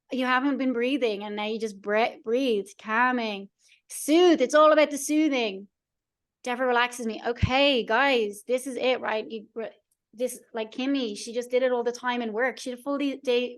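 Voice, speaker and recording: Woman coach, kinda high voice, gentle and encouraging, keeps checking in, online workshop on a call. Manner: encouraging and soothing, with frequent check-ins. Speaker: mind-body coach.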